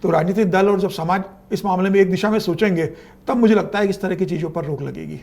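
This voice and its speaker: Middle-aged journalist, a man, high voice, emphatic panel opinions. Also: gravelly, darkish tone. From Madhya Pradesh, India. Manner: emphatic, opinionated, quick to agree. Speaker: senior journalist. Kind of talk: panel discussion.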